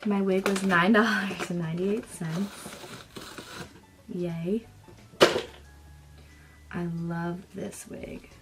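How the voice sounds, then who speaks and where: Young woman, beauty vlogger, slow casual chat with a gravelly fry, music bed underneath. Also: lowish voice, fairly even intonation. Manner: chatty, drifting into whispers now and then. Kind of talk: casual makeup vlog chat.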